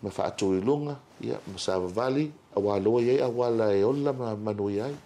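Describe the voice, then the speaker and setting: A middle-aged man with a Samoan accent, talking casually as an interview guest, with frequent pauses and repeats. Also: on the low side, warm tone. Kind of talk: casual interview talk, mixing Samoan and English. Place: indoor interview set.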